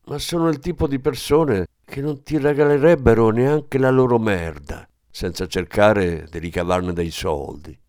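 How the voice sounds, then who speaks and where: A man reading an audiobook, voicing a brash young woman who is foul-mouthed and fierce in a raised, sharp voice. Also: mid-range voice, measured pace, few pauses, no echo, clean studio sound, lightly acted. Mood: bitter.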